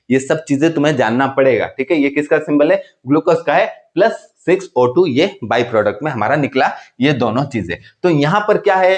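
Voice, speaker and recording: A man teaching a chemistry class, voice sitting a little high for a man. He keeps checking that his students follow. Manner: questioning, repeats checks for understanding. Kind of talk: classroom explanation.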